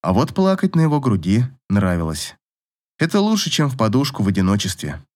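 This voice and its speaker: Expressive male audiobook narrator. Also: lowish voice, a little fast. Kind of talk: scripted narration.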